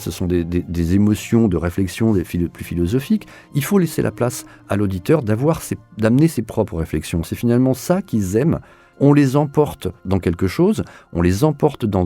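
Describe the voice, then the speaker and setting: Being interviewed about the audio series he directs, a man describes his work in a low-leaning, dark-toned voice. His delivery is tentative, with frequent repeated words as he gathers his thoughts.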